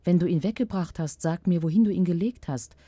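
A woman's voice: fairly low pitch, fairly quick, dark tone, husky, no room sound. Grieving woman seeking her lord, read by a woman. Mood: urgent. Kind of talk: scripture reading.

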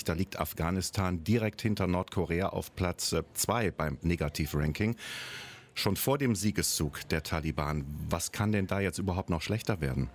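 A male radio interviewer with a low voice puts his questions calmly and in measured phrasing. He sounds composed and professional throughout.

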